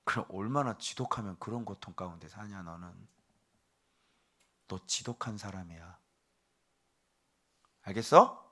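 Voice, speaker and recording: A middle-aged male pastor giving a morning devotional sermon, animated and questioning his listeners directly, then dropping to a hushed, slow voice for key words. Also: lowish voice, slightly rough. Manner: animated, quizzes the congregation directly.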